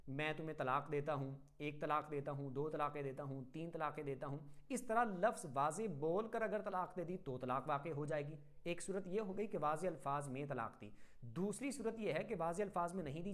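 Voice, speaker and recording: A man's voice: fairly high pitch, a bit bright. A man from Pakistan giving a religious lesson as an Islamic teacher, firm and methodical, running through example phrases one after another. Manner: firm, instructive.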